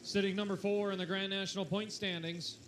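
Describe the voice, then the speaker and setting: A man announcing a tractor pull live, with showy, drawn-out calls and repeated numbers. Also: sits high, flat delivery, fairly bright tone, slight background noise. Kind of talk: live motorsport announcing over a PA.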